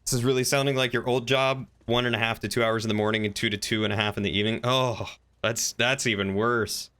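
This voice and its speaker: This man is livestreaming game roleplay and talking loosely, musing aloud and reading out chat. His ordinary-pitched voice is crisp, forward and a bit bright, delivered fast in a steady tone.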